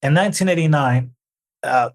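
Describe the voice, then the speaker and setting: Speaking at a normal speed with a fairly high pitch, an interview guest in his forties shares his thoughts conversationally. Argentine by origin and Norwegian by upbringing, he comes across as reflective and unsure, frequently starting his sentences over.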